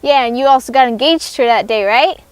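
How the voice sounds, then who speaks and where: Young woman doing a swaggering outcast boy, high voice, folksy talk, school character play, dry sound. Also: fast, clear, resonant tone, no room sound, natural voice. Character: boy Huckleberry Finn, rough village outcast.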